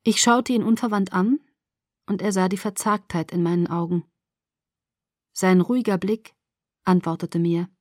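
A woman narrating a first-person novel as an audiobook, in a measured and expressive reading style. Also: medium pitch, no room sound, studio quality.

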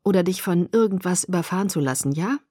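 A woman voicing a calm, secretive teenage boy in an audiobook, speaking softly and in a measured way. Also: lowish voice, husky, dry recording, clean studio sound. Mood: gently teasing. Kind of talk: audiobook dialogue.

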